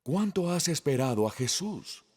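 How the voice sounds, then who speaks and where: A man preaching a sermon, slowly and emphatically, putting questions to the congregation. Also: a little high, very animated, a little mellow, long reverb tail. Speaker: pastor.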